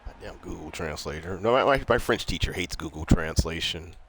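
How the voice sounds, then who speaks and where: A man with a lowish voice calling out his own football game plays on a live stream. He swears freely and jumps from muttering strategy to yelling at the players on screen. The sound comes from a home desk setup. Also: fairly quick, slight background noise. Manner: profane, excitable, talks to himself while playing. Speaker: gaming streamer. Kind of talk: live gameplay commentary.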